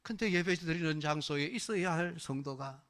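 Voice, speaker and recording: A pastor with a fairly high voice, preaching a sermon to the congregation. He keeps asking rhetorical questions to pull the listeners in. Now and then he pushes his voice up sharply on key phrases to stress them. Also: normal speed, fairly bright tone. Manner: emphatic, rising in force on key phrases.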